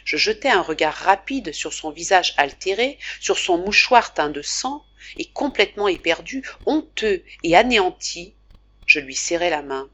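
A woman narrates a classic novel in a fairly low voice. Her reading is measured and expressive, with clear, steady storytelling. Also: dull audio. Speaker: audiobook narrator.

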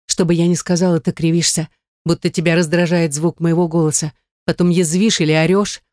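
An audiobook reader voicing a distressed young ex-wife who pleads in a raised, defensive voice. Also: female voice, lowish voice, level tone, fairly quick, a little mellow, no room sound, clean studio sound, close to an everyday voice. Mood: upset. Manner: pleading, rising voice. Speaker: audiobook character. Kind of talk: audiobook reading.

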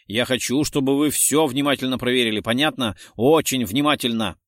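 A man's voice: medium pitch, fairly quick, no echo, clean studio sound, natural voice. A man voicing an irritable police commissioner who barks orders, in an audiobook reading. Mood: commanding. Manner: barking orders.

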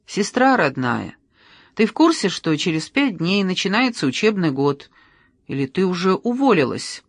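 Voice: mid-range voice, very animated, unhurried, no echo, clean studio sound. An audiobook reader voicing a nosy adult woman who teases and pries at her sister. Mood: teasing. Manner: teasing, prying.

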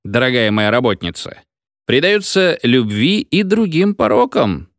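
A man's voice: mid-range voice, sing-song, unhurried, no room sound, clean studio sound. A man voicing a drunken, pompous village medic who lectures in a rambling, hiccuping sing-song. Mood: muddled.

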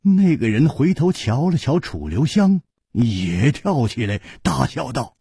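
Slow, husky male storyteller. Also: medium pitch, big pitch swings, mellow, dry recording, studio quality. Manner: dramatic, vivid storytelling. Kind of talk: Chinese storytelling narration.

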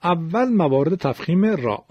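A man teaching Quran recitation in a radio lesson, explaining patiently and drawing out example words slowly. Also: on the high side, big pitch swings, slightly rough, no room sound, dull audio.

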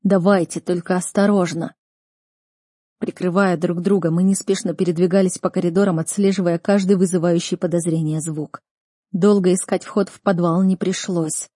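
A woman reading a first-person fantasy audiobook in a tense, measured manner. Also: fairly low pitch, fairly even intonation, dark tone, no room sound, studio quality. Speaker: audiobook reader.

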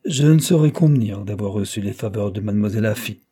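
A smug, evasive gentleman captain, voiced by a male audiobook narrator. The voice sits a touch higher than the narration and stays mellow and husky. He talks in a self-satisfied, dodging way. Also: lively intonation, fast talker. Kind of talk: audiobook character voice.

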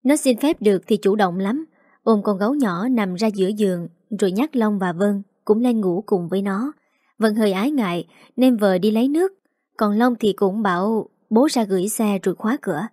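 Warm mellow woman narrating a story. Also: medium pitch, normal speed, dry recording, studio quality. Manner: steady storytelling read.

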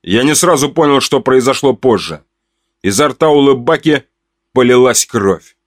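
A man's voice: medium pitch, animated, normal speed, no echo. Man reading a story aloud, dry sound. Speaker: narrator. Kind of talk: first-person story reading.

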